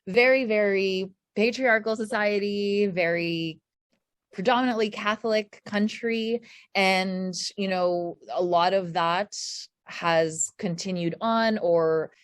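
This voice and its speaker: A woman from the Philippines speaks on a video-call workshop panel, talking candidly and conversationally while searching for words. Her voice is medium in pitch and slow, with no room sound.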